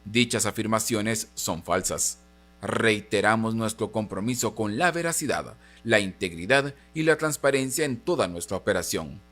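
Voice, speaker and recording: A man reading a scripted corporate statement as a spokesman, in a formal, measured manner. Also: on the low side, lively intonation, fairly bright tone, soft background music.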